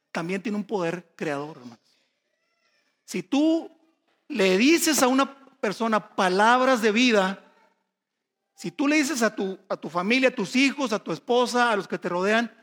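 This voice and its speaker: With a high, fairly bright voice echoing in a big room, a male pastor mixes personal stories with scripture readings in a homespun sermon. He calls his listeners brothers and asks them rhetorical questions.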